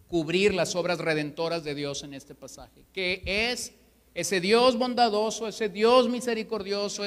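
A high, bright-toned pastor delivers an emphatic sermon. He drives his points home with rhetorical questions. His voice rings with the long reverb of a church hall. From Mexico.

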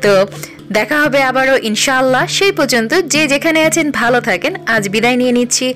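Fast-talking woman speaking through a face mask. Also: sits high, fairly bright tone. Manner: chatty, friendly address to viewers. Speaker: food vlogger. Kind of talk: casual vlog narration. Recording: music playing underneath.

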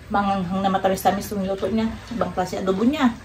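A woman talks while chewing, her words quick and run together as she praises the food. She sounds set back from the microphone, and household noise is clearly heard behind her. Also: medium pitch, fairly even intonation, darkish tone, echoey room. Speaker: family member at a mukbang meal. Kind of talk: casual mealtime chat. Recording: distant mic with clear background noise.

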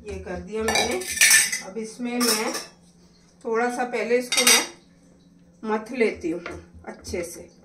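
A woman walks through a home recipe at a slow, easy pace, chatting about each step as she works. Her voice sounds a little distant from the mic and bounces around a roomy kitchen. Pots and utensils clink clearly in the background. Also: a little high, very noisy. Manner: chatty, explains each step while cooking. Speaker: cooking vlogger. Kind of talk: casual cooking demonstration. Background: clatter of pots and utensils.

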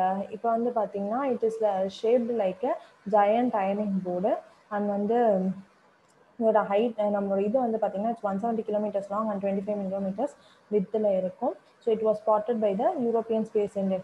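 Slow, mellow-voiced Tamil-accented woman teacher. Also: mid-range voice, muffled recording, slight background noise. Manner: mixes Tamil and English, many fillers and restarts. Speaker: current affairs teacher. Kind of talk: exam revision lecture.

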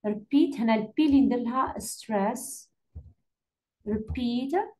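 A woman's voice: fairly high pitch, expressive, a little mellow. Patient Algerian woman teaching English. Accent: Algerian Arabic. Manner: patient, repeats key words slowly. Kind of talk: exam correction lesson.

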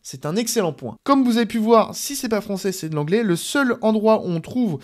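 A man with a rather high voice narrates a casual gadget demo. He thinks aloud, filling pauses with hesitant sounds as he feels his way through the menus. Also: expressive, darkish tone. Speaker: tech YouTuber.

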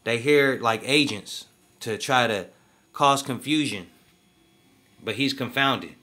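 A man's voice: medium pitch, slow, bright, forceful tone. A man giving casual, slangy video commentary in an emphatic way, often asking "you feel me".

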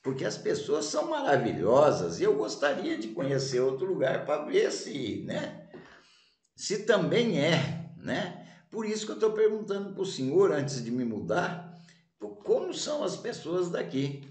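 A man putting on a cheerful polite wanderer, higher voice, lively, roomy echo. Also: unhurried, soft background music. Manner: polite and eager.

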